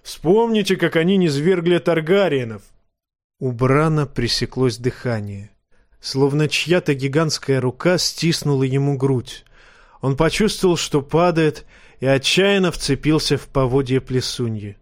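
Male audiobook narrator, steady even delivery, mid pitch, dry booth sound. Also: measured pace, dry recording. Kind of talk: scripted narration.

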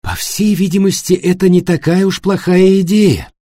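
A man voicing an exasperated woman who speaks in a measured, sardonic way. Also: high voice, mellow, no echo, pitched above the performer's own voice.

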